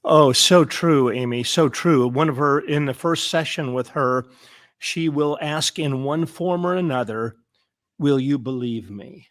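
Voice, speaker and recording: A man's voice: on the high side, unhurried, a bit bright, no room sound, studio quality. A man, a therapist guest in an interview, talking earnestly and emphatically, repeating words for stress and often restarting his sentences. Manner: frequent stammered restarts. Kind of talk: conversational interview.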